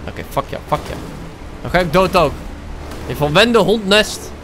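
A young man with a Dutch accent, commentating his own gameplay, excitable, swearing and dropping English slang into his talk. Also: sits high, normal speed, background noise. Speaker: gaming YouTuber.

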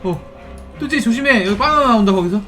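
A gaming host playing along with children, giving excited, exclamatory game commentary and saying each fear and next move aloud. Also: mid-range voice, fast talker, loud music behind the voice. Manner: exclamatory, narrates own fear and next moves.

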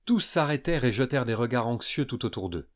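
A man's voice: medium pitch, animated, quick pace. Man reading a children's sci-fi audiobook. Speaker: audiobook narrator. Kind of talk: scripted narration.

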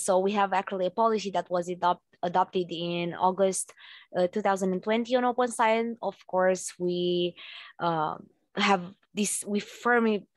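A woman's voice: medium pitch, dry recording. A young woman speaking on a conference panel over a video call, earnest and formal with some fillers. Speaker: student organization representative.

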